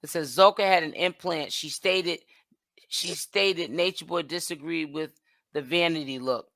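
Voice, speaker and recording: Lady chatting on her stream, bright voice, dry close mic, reads comments and trails off. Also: deep voice, a little slow, no echo. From Boston, Massachusetts. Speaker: host of a livestream commentary channel. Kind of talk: casual chat reading viewer comments.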